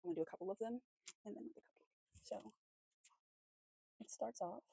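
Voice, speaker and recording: A woman vlogging at home while drawing, chatting casually in a rambling, friendly way with lots of fillers, her voice slightly hoarse. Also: medium pitch, normal speed, mellow, low-quality recording. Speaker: art vlogger.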